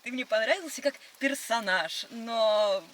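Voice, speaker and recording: A woman's voice: fairly high pitch, unhurried, fairly bright tone, a little hiss or hum. A woman in casual date banter, answering in a dry, teasing and firmly polite way. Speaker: date in a prank video.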